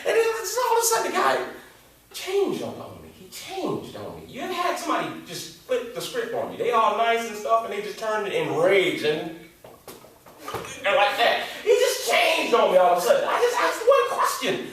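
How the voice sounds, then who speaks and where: A high-voiced American man in his forties gives a motivational talk to young people, animated and slangy. His voice booms around a large echoing hall, caught from a mic well away from him. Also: moderate pace, slight background noise. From Detroit, USA. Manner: animated, slangy, repeats for emphasis. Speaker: youth speaker. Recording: echoey hall, distant mic.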